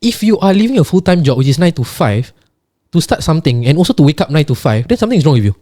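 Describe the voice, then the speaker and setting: A man's voice: fairly high pitch, big pitch swings, rapid-fire, warm tone, no room sound, studio quality. A man with a Singaporean accent explaining things casually in an interview, emphatic and repetitive, often tagging his sentences with "right" and "lah". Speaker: podcast guest.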